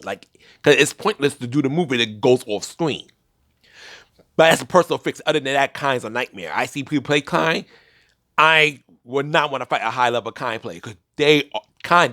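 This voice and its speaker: A man's voice: a little high, fairly bright tone, dry recording. Rambling young man, dry close mic. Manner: rambling, frequent restarts and fillers. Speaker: gaming commentator. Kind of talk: casual solo commentary.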